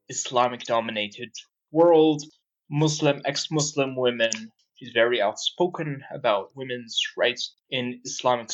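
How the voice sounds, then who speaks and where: A man hosting an interview podcast, introducing a guest and asking questions with hesitant pauses and restarts. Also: medium pitch, fairly bright tone. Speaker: podcast host. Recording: slightly dull lo-fi audio.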